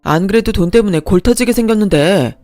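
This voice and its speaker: A woman's voice: mid-range voice, lively intonation, fairly quick, dark tone, dry recording, studio quality, faint music behind, lightly acted. A woman voicing an irritated young husband who argues defensively with his wife. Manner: annoyed, defensive.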